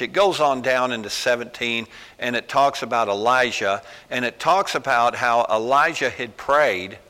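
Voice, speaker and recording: Preacher man taking his time, forceful bright voice, chatty storytelling, long hall echo. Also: medium pitch. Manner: emphatic, folksy storytelling with many asides. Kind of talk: sermon.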